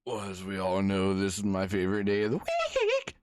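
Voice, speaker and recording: A young man putting on a loud, overexcited announcer voice to shout the podcast intro. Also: low voice, huge pitch swings, pitched below the performer's own voice. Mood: hyped. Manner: shouty, hyped, drawn-out.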